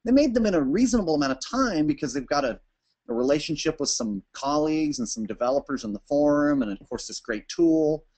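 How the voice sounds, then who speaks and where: A man presenting a webinar to app builders, talking fast and energetically with frequent restarts and ums. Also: fairly high pitch, expressive, a little mellow. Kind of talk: informal talk to users.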